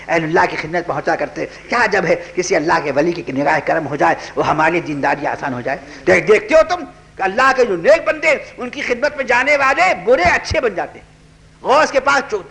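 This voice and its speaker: A man's voice: sits high, expressive, gravelly, pushed and bright, a little hiss or hum. A man preaching a sermon, telling a story with acted dialogue and rising into fervent prayer.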